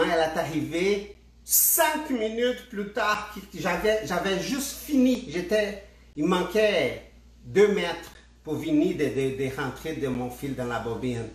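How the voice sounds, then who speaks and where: A man gives a casual spinning tutorial on a livestream. He speaks straight to his viewers and often repeats and restarts his words. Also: medium pitch. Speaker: spinning instructor. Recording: echoey room.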